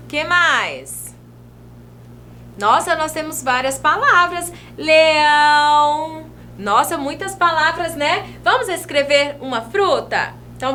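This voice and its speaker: Teaching young children by video, a woman from Brazil talks slowly and draws out every word as she writes. Her voice is high and lively, sing-song with wide swings in pitch, and there's a faint hum in the background.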